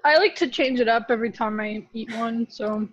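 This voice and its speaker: A woman's voice: a little high, fairly quick, dull audio. A young woman co-hosting a casual podcast, teasing her friend and giggling as she chats. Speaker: podcast co-host. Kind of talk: casual chat.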